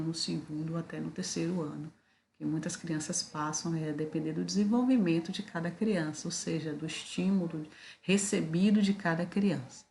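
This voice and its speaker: Woman, teacher, video lesson, lower voice, slow and deliberate, rhetorical questions. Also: darkish tone, slight background noise.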